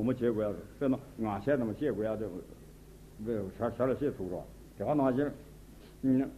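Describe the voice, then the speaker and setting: Male teacher on a tinny, lo-fi recording. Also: medium pitch. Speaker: Buddhist teacher. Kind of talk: spoken commentary on a religious text. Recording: tinny phone-like sound with faint noise.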